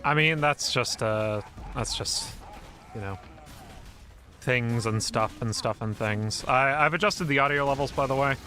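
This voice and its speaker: Bright, forceful male esports caster. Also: medium pitch, a little slow, faint music behind. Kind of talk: live video game commentary.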